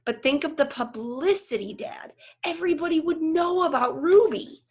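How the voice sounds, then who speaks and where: A woman's voice: high-pitched, lively intonation, normal speed, voice pushed up. A woman reading a children's novel aloud as an earnest, eager young girl with big ideas. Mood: pleading, eager.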